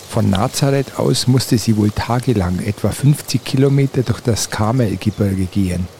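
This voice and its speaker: A man speaks in a low, soft-edged and mellow voice. He reads a reflective, scripted narration like a relaxation guide, measured and soothing throughout. A faint noise sits behind him.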